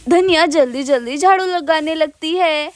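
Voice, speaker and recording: A woman's voice: high voice, normal speed, dry recording. A woman narrating a doll cartoon story in a plain storytelling manner.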